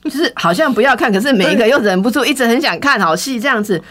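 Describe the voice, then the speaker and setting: A woman telling a personal story in casual podcast chat, candid and animated, acting out the quoted lines. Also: on the high side, fast.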